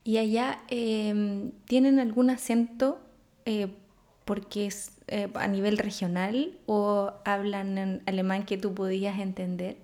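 A woman conducting an interview, posing long questions that wind and restart as she goes. Her voice sits at an ordinary pitch for a woman, and her tone stays conversational. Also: level tone, slow pace, mellow.

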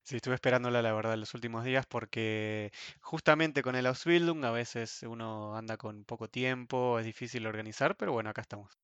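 A young Argentine man with an Argentine Spanish accent, speaking in a casual online interview, thoughtful and hesitant, often trailing off softly. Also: mid-range voice, steady tone, a little fast, smooth, no room sound, lo-fi sound. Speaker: interview guest. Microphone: video call.

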